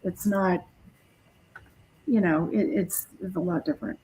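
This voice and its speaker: Her voice is lowish and darkish, paced in a measured way, and the low-quality recording has a little hiss or hum. She's a middle-aged heavy metal musician telling stories bluntly and poking fun at herself during a relaxed interview.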